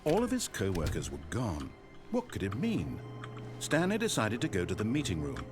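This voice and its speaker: A man's voice: fairly low pitch, wildly swooping pitch, normal speed. A man voicing a wry, teasing narrator in a video game, in scripted narration. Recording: guitar music playing behind.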